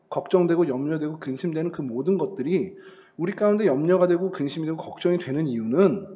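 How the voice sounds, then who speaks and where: A man's voice: fairly high pitch, darkish tone. A middle-aged man giving a sermon as a pastor, in a conversational storytelling manner that brings scripture and family life close to the listener. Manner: conversational storytelling, acts out quoted lines.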